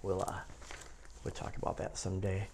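Man, host, low pitch, gravelly fry, casual off-the-cuff talk, blunt, jokey, directing a crew. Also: monotone, moderate pace, darkish tone, a little hiss or hum. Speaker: host being filmed as hypnosis subject.

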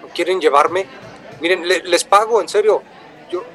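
The traveling buyer in this radio drama is earnest and polite, with a slightly high voice and an eager way of explaining things. His tone is bright and forceful at an ordinary pace, while café customers murmur faintly in the background.

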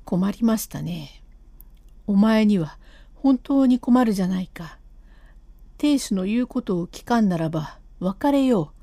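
A woman's voice: expressive, measured pace, dark tone, no echo. A woman voicing an older male master painter who keeps apologizing yet refuses to give in, in a storybook reading of a classic comic tale. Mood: exasperated. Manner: lowered voice, pleading and firm by turns.

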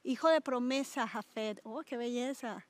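A middle-aged woman pastor delivers a conversational sermon with a high, bright-pitched voice. The sound is dry and close. She stretches words for emphasis and turns to her listeners with questions. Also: normal speed, dry recording. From Colombia. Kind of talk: conversational sermon to a small group.

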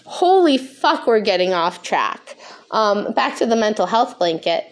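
A woman's voice: mid-range voice, measured pace. A stoned woman podcast host talking casually and frankly, rambling, swearing freely and losing her thread.

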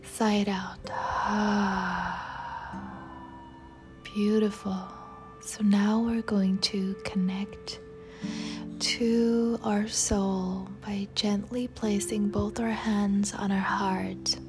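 A woman guiding a meditation in a soft, breathy spa whisper, soothing and tender toward the listener. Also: mid-range voice, flat delivery, slow pace. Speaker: meditation guide. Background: music.

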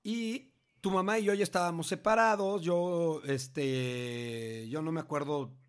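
A middle-aged man with a Mexican Spanish accent casually telling his grown child a story in a slangy, animated way, often restarting his sentences. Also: on the high side, measured pace, clear, resonant tone.

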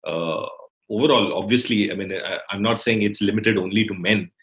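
A man's voice: fairly low pitch, normal speed, fairly bright tone. A man with an Indian accent in reflective conversation, searching for words and repeating phrases as he thinks. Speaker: filmmaker.

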